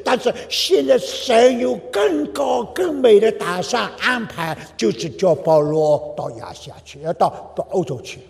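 Older male pastor, emphatic sermon delivery, fairly high gravelly voice, big hall reverb. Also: animated, unhurried, hardly any pauses. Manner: emphatic preaching with sudden loud outbursts and soft drops.

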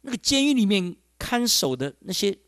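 A man's voice: high voice, sing-song, normal speed, a bit bright, no echo. A male pastor telling a personal testimony in a sermon, with emotional, exclaiming storytelling.

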